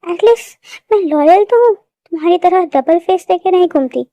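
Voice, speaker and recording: A furious young wife in a fan-made audio drama, voiced by a woman. She throws bitter accusations in a very high, strained voice. The hurt cuts through every line. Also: expressive, normal speed, no echo, dull audio. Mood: accusing.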